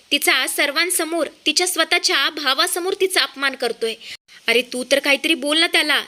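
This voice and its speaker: A woman's voice: high-pitched, sharp tone, voice pushed up. Woman doing a scheming, taunting mother. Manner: needling, taunting. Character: scheming middle-aged mother, falsely sweet and taunting.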